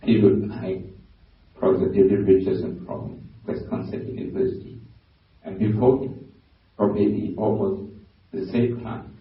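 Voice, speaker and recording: A man with a Burmese accent, a Buddhist monk giving a dharma talk, pausing and restarting often as he searches for words. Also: low voice, fairly even intonation. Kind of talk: dharma talk to a lay audience. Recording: very echoey hall, distant mic, dull lo-fi sound.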